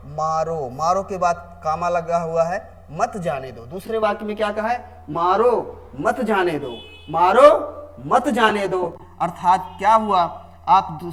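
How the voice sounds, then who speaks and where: Teaching grammar to his students, a man with a high-pitched, slightly bright voice keeps repeating points and posing questions to the class, then answering them himself.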